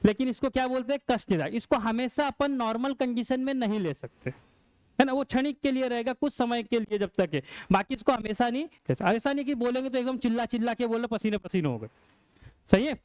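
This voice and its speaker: A man's voice: extremely high pitch, animated, a little fast, a little mellow, smooth, dry recording. A male science teacher lecturing a class, asking questions and answering them himself.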